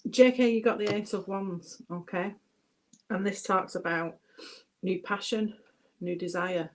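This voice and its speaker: A woman's voice: medium pitch, steady tone, a little slow, a little hiss or hum. A British woman giving a chatty live tarot reading, addressing viewers by name and thinking aloud as she turns the cards. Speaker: tarot reader.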